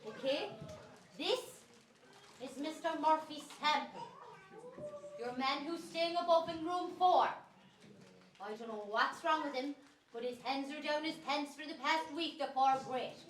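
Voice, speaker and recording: A woman playing a bossy, man-hungry landlady in an amateur stage pantomime, shrill, camp and declaiming to the audience. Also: unhurried, pauses often. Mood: bossy, conspiratorial. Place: community centre stage. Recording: echoey hall from far off, faint noise.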